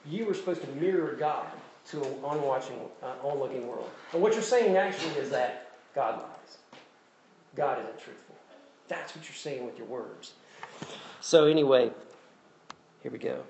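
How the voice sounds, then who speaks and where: A man's voice: mid-range voice, lively intonation, normal speed, darkish tone, slight background noise. Southern man preaching in an echoey room. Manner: conversational, self-deprecating, repeats key phrases. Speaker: pastor. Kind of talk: sermon. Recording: echoey room with faint ambience.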